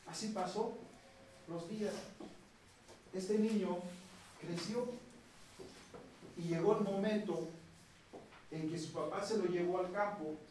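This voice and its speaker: A man's voice: high-pitched, darkish tone. A man telling a folktale in a plain, repetitive oral storytelling manner. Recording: echoey room, distant mic, faint noise.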